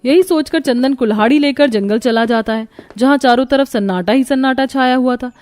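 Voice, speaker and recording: A woman's voice: sits high, brisk, a little mellow, soft background music. Woman narrating a sad story. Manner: sympathetic storytelling tone.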